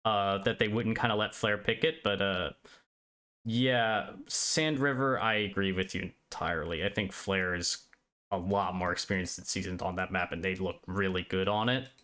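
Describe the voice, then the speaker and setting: Male esports play-by-play caster on a remote call; lower voice, steady delivery, technical detail. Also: moderate pace. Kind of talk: live esports commentary. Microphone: remote call over the internet.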